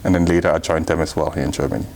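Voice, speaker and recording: A man's voice: rumbling low, fairly even intonation, racing, a little mellow, slight background noise. A man in his thirties from Cameroon, answering interview questions in an earnest, reflective way and often saying "you know". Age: 30s. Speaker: interview guest, politician. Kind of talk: casual interview talk.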